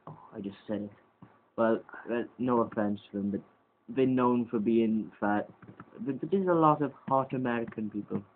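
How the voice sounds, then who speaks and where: A man's voice: mid-range voice, moderate pace. Guy bickering through a game chat, stammers a lot, tinny phone-like audio. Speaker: gameplay commentator. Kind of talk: casual gaming banter. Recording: lo-fi, phone-like sound.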